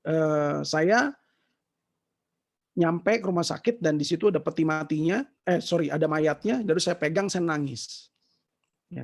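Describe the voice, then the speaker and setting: Raspy man, gravelly, animated storytelling, casual teaching talk. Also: fairly high pitch. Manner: animated storytelling, mixes in English words. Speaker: speaker answering questions. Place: online session over a shaky connection.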